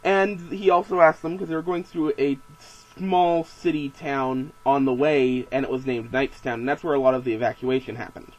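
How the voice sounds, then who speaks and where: A man's voice: mid-range voice, steady tone, normal speed. A young man recapping his tabletop game as game master in a casual, rambling and amused way, with many fillers and self-corrections. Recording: dull lo-fi home recording.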